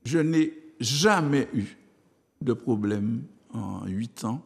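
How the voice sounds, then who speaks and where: An older man with a Martinican accent, a former school head who speaks as a guest in an animated, emphatic way and tells anecdotes. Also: mid-range voice, slow pace, creaky, long reverb tail. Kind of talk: studio discussion.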